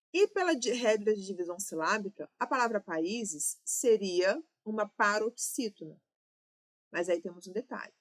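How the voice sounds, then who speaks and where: This exam-prep grammar class is led by a woman whose voice sits in the mid range and carries a Brazilian Portuguese accent. Her explanations go step by step, punctuated by "ok?" and "né?" to make sure students follow.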